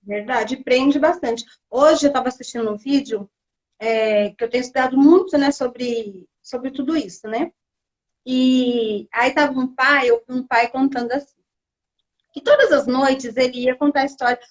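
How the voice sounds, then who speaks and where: A woman's voice: sits high, moderate pace. A woman hosting a casual live stream chat, telling stories animatedly and mimicking sounds. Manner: animated storytelling with sound effects. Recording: dull lo-fi live stream audio.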